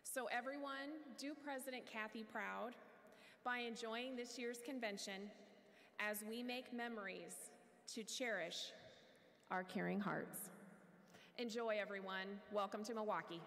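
A middle-aged woman warmly reading a welcome speech at a convention podium, pausing between phrases. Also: on the high side. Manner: warm, measured reading with pauses. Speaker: welcome speaker. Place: large convention hall stage. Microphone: podium microphone. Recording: long hall reverb, faint crowd noise.

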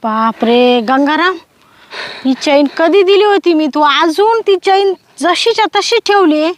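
A woman's voice: extremely high pitch, animated, unhurried, dry recording. An actress playing a married village woman tenderly scolding and consoling her heartbroken former lover in a Marathi comedy sketch. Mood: moved.

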